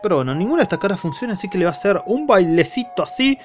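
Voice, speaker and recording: A man's voice: high-pitched, racing, over music. A man with an Argentine accent recapping a comic in a casual, slangy way, acting out bits of the characters' lines. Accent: Argentine Spanish. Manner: slangy, lively retelling that acts out the characters' lines. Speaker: manga reviewer.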